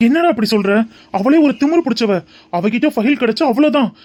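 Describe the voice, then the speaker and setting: A man performs anxious young men in a homely cartoon. One frets and pleads while the other soothes him. The voice runs high for a man. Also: expressive, quick pace, loud music behind the voice. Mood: worried. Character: anxious young male friends, fretting. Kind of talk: cartoon voice acting.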